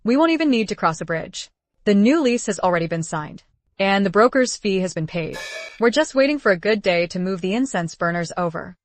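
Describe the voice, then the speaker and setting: Woman acting a caring, brisk young wife, dry close sound. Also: mid-range voice, lively intonation, no echo, lightly acted. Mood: matter-of-fact, caring. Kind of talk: English dub of a period drama.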